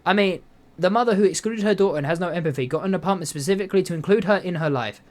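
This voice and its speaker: A man's voice: sits high, racing. A young man reading reddit posts aloud and commenting on them in an exasperated, rambling way, swearing often. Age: young adult. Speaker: YouTuber. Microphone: voice-over over gameplay footage.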